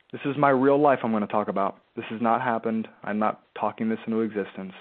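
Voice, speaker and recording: A man's voice: on the low side, very animated, brisk. A man giving an emphatic, conversational motivational talk as a business coach, firing rhetorical questions at his listeners and mimicking their objections. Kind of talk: motivational live talk to followers. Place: a room at home, seated in a chair. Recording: tinny phone-like line.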